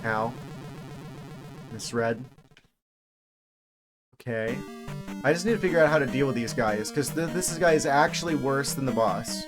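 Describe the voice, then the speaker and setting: Male streamer, mid-pitched, casual off-the-cuff gameplay commentary with hesitant thinking aloud, game soundtrack audible behind. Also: lively intonation, unhurried, pauses often, low-quality recording. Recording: video game music behind voice. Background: video game music.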